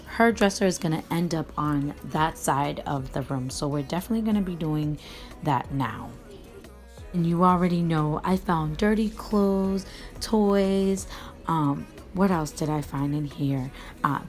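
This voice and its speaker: A woman, a mother of four, narrating a home cleaning vlog in a relaxed, matter-of-fact voice-over. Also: sits low. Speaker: vlogger, mother. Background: faint music.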